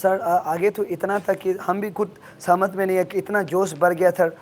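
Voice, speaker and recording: A man from Arunachal Pradesh, an activist guest, answering interview questions earnestly and insistently, his voice hoarse from days of shouting. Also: high-pitched, level tone, normal speed, slight background noise. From Arunachal Pradesh, India.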